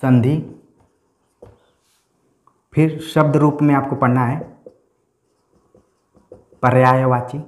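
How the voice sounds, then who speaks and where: A man giving an exam-prep lecture at a steady middle pitch. He explains each point patiently and keeps checking in with his listeners. His voice bounces around an echoey room. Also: slow pace, long pauses. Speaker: teacher.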